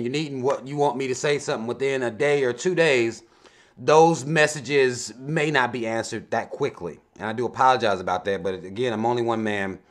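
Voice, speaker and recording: A man in his thirties runs a casual advice vlog, reading viewer emails aloud and breaking in with his own commentary. He is blunt and relaxed, with plenty of swearing, and his voice sits at an everyday mid pitch. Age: 30s. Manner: laid-back, blunt, swears freely; adds commentary between lines he reads out. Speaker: advice vlogger.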